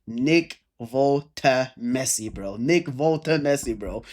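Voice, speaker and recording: This football video creator has a medium-pitched, slightly mellow male voice and speaks slowly. He stammers, repeating words and starting over, as he casually walks viewers through a breakdown of football stats. He's chatty and addresses the audience directly.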